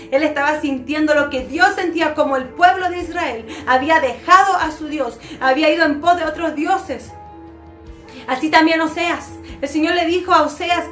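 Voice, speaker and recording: A woman's voice: high voice, fairly bright tone, reverberant. A woman pastor from Chile with a Chilean accent, preaching a sermon with fervour, often asking rhetorical questions. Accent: Chilean Spanish. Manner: fervent, asks rhetorical questions, fillers like "¿cierto?". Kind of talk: sermon teaching.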